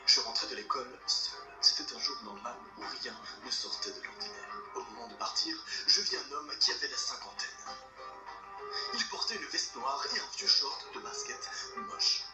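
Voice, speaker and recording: A man telling a creepy story in a playful way, often dropping into hushed whispers. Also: medium pitch, very animated, normal speed. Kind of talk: horror story narration with jokes. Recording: echoey room, distant mic, music. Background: loud music.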